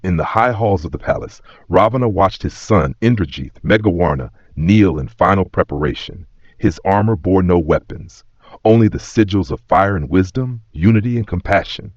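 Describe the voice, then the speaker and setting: A very deep-voiced male narrator performs scripted dramatic storytelling, solemn, measured and reverent, yet expressive. The audio is echoey and a bit dull, its top end softened.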